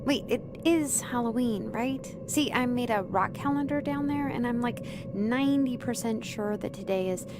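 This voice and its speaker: Lady voicing a quirky rambly young woman in a game, kinda high and excitable. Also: normal speed, few pauses, noisy background, natural voice. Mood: awkward rambling. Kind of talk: video game character acting.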